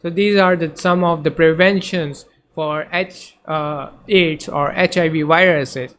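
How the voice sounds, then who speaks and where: A tutor whose first language is Urdu gives a casual lecture over slides, hesitating often with plenty of fillers and restarts. His voice is a little high and fairly bright, with fairly even intonation and a slightly slow pace.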